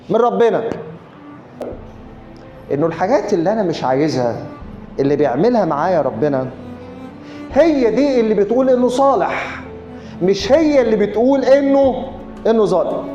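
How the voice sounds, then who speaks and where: A man with an Egyptian Arabic accent, a pastor giving a sermon in an animated storytelling way. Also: sits high, echoey room, highs cut off. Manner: animated storytelling, acting out his own and others' words.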